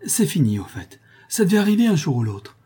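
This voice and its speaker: A man's voice: fairly high pitch, steady tone, fairly quick, mellow, husky, pitched above the performer's own voice. A man voicing a tearful young woman prisoner who is expecting a child, pleading and sobbing with fierce pride. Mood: tearful resolve.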